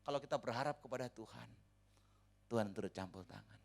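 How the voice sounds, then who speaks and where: A middle-aged male pastor preaching a lively sermon, joking with the congregation and calling for amens and applause. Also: mid-range voice, brisk, vocal fry.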